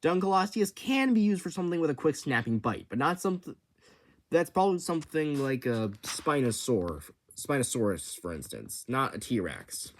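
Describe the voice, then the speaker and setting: Announcing a creature-design contest, this young host goes over the rules casually and off the cuff at a moderate pace. His medium-pitched voice has big pitch swings, and there's a little hiss or hum. He is eager and impulsive, stumbling into frequent restarts and fillers.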